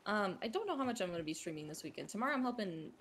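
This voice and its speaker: A woman's voice: medium pitch, big pitch swings, very fast, fairly bright tone, slight background noise. A woman streamer chatting casually with friends during a game. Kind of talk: casual gaming chat.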